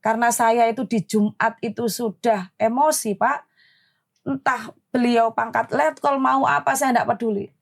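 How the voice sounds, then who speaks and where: A woman, a mother telling her story as a podcast guest, indignant and animated. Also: on the high side, unhurried, gravelly. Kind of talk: emotional storytelling in a podcast interview.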